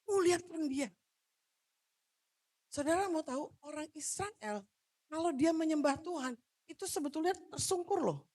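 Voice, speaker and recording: A woman pastor from Manado giving a loud, animated sermon, joking with the congregation and moving about as she preaches. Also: sits high, normal speed, long pauses. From Manado, Indonesia. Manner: jokes with the congregation. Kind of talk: lively sermon.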